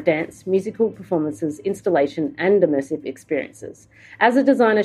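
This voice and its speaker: A woman's voice: mid-range voice, darkish tone. A woman co-hosting a podcast, introducing a guest and responding with enthusiastic encouragement. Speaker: podcast co-host. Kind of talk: reading a guest bio, then chatting.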